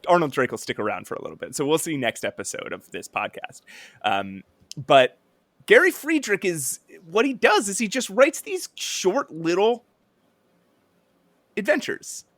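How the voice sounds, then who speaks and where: A man's voice: a little high, a bit bright, dry recording. A man co-hosting a podcast in casual chat, rambling with lots of "like" and restarts. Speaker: podcast co-host. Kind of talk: casual comic-book chat.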